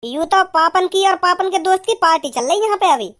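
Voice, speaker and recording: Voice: very high-pitched, animated, brisk, fairly bright tone. A performer voicing a cartoon young man who pleads and explains himself. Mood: defensive. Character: easygoing young male friend, defensive.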